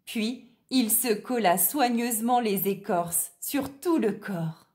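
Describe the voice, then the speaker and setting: Slow, higher-voiced woman storyteller. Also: a little mellow. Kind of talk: reading a children's story.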